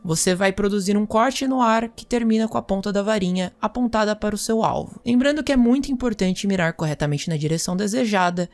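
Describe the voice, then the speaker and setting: A woman playing a magic teacher, lecturing students in a measured, explanatory way. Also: mid-range voice, darkish tone. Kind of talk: scripted role-play lecture.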